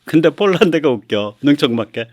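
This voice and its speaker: On his laid-back military affairs show, the host chats in a lively, folksy manner, laughing and performing the quotes he cites. His pitch is fairly high and his delivery brisk.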